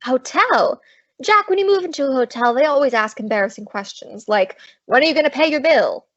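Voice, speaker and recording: High-voiced wisecracking Maisie, played by a woman. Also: animated, brisk, fairly bright tone, dry recording. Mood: skeptical, wry. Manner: sassy, slangy delivery. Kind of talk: old-time radio comedy acting. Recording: dull lo-fi close dry recording.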